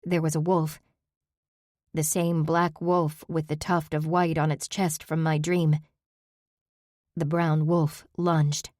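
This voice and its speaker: A woman narrating a first-person audiobook with a steady, measured reading, recorded on a close studio mic. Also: sits low, no echo.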